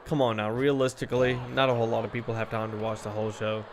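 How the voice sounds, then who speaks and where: A man's voice: lowish voice, flat delivery, fast talker, creaky, noisy background. Stuffy, chatty male gaming streamer. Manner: chatty, reacts loudly to gameplay. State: stuffy from allergies. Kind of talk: casual gameplay commentary.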